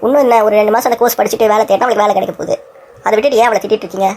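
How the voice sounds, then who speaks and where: A woman's voice: mid-range voice, fairly even intonation, rapid-fire, darkish tone, slightly rough. A woman voicing a caring young man who talks earnestly and persuasively in a cartoon story. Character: caring young man, protective of his cousin.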